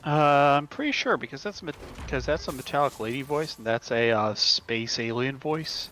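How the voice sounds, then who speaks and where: A man's voice: medium pitch, moderate pace, bright, forceful tone, slight background noise, poor audio. A man chatting casually and teasingly while playing a co-op game. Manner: playful, wry, teasing. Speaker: co-op game player. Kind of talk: casual gaming chat.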